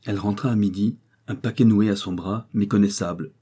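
A man narrating a classic novel as an audiobook in a measured, expressive reading. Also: fairly low pitch, breathy edge.

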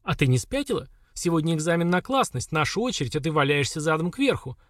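A man voicing a calm, blunt young woman fighter who speaks curtly and matter-of-factly. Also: fairly high pitch, fast, dry recording, studio quality, voice pushed up. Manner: curt, matter-of-fact.

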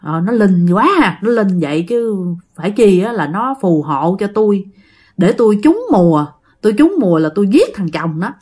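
A woman's voice: mid-range voice, very animated, moderate pace, darkish tone, slightly rough. A woman with a Southern Vietnamese accent voicing a male rice farmer who boasts in an offhand way. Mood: boastful.

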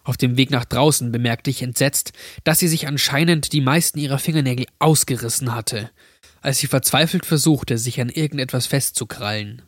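A man calmly narrating a scripted horror story, recorded close to the mic. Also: medium pitch, moderate pace, no echo.

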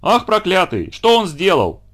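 A man voicing an old village grandmother who scolds and wails in a raised, shrill voice. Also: big pitch swings, fairly quick, natural voice. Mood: scolding. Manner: wailing, scolding.

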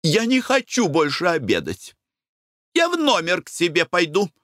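A man voicing an irritable, sharp-tongued middle-aged wife in a storybook reading. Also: lively intonation, unhurried, no room sound, studio quality. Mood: scolding. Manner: scolding, shrill.

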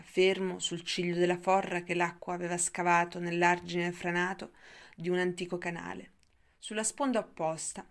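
A woman narrates an audiobook in a calm, measured manner. Her voice sits a little low and stays even.

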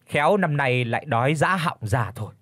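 A man's voice: mid-range voice, lively intonation, fairly quick, a bit bright, dry recording, studio quality. A man voicing a fretful peasant wife. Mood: worried. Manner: urgent, fretful. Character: anxious peasant wife, young adult woman.

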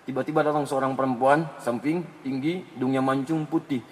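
A man preaching a sermon full of humorous anecdotes, lively, moving between loud emphasis and hushed asides. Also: medium pitch, brisk. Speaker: Islamic preacher. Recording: long hall reverb.

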